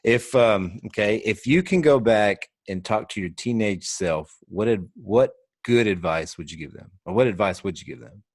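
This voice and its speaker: A man with a very deep voice hosts a podcast. He keeps things laid-back and casual, dropping slang as he asks his questions. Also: lively intonation, moderate pace, hardly any pauses. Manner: laid-back, with slang like "bro" and "heck yeah". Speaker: podcast host. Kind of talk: casual interview.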